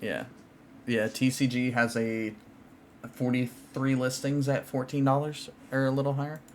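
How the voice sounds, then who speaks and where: A man's voice: medium pitch, level tone, normal speed, a little hiss or hum. A man hosting a podcast, chatting casually and rambling with lots of fillers and restarts. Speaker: podcast host. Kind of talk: casual chat about card games.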